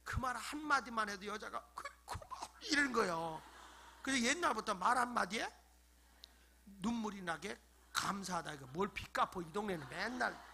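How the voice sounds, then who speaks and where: A middle-aged man preaches a Friday night revival sermon in a strikingly high, sharp voice with a gravelly rasp. He plays out coaxing prayers to God and quick little dialogues. His delivery swings between hushed murmurs and sudden shouted bursts. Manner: playful, acts out wheedling prayers and dialogues. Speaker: pastor.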